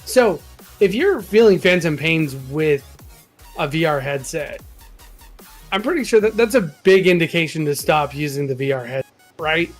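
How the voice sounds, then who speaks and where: A man's voice: a little high, animated, moderate pace, faint music behind. A man co-hosting a casual chat, reacting with frequent laughs and stammering restarts. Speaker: podcast co-host.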